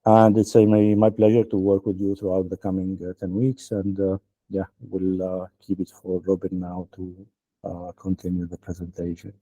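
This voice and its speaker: A man from Lebanon, founder of an accelerator program, gives a halting welcome speech on a video call, with many fillers, and ends his points with "okay?". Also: deep voice, level tone, dark tone, no echo. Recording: dull lo-fi call audio.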